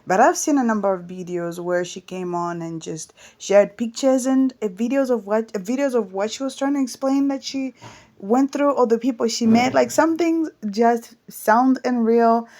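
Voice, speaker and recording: Mellow-voiced woman doing chatty commentary. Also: medium pitch. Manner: chatty, filler-heavy. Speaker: commentary host. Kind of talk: casual reaction commentary.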